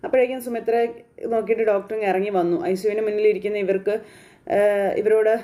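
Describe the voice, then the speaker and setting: A woman narrating a soap episode recap at a rapid clip, her voice mellow and soft-edged. She talks in a loose, chatty way and keeps linking events with little fillers. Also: medium pitch, steady tone. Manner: chatty, colloquial, strings events with frequent fillers. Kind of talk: casual retelling of a TV serial episode.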